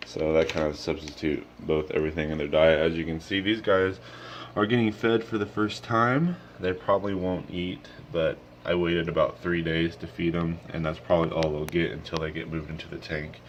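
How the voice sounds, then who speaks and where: Filming on a handheld phone, a young aquarium vlogger gives a relaxed tour of his home fish tanks. He talks in a low voice at a moderate pace, sounding sleepy and freshly awake, scattering ums throughout, with slight background noise.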